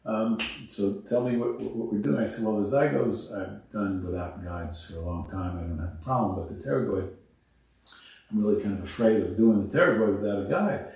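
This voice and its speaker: A man, an oral surgeon talking shop in an interview, pausing and restarting his sentences often. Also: on the low side, creaky, darkish tone. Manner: halting, many restarts and self-corrections. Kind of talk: conversational interview. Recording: roomy, distant mic.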